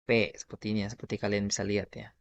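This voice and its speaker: Relaxed Indonesian man teaching the alphabet. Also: fairly low pitch, rapid-fire, vocal fry, no echo, muffled recording. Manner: informal, explains patiently with many example words. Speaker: language teacher. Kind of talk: casual spoken lesson.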